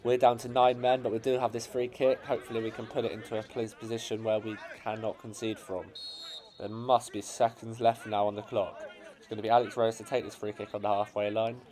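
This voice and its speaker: Excitable English amateur football commentator. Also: male voice, on the low side, a little fast. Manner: builds to shouting excitement at late chances. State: voice cracking. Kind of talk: excitable match commentary over highlights.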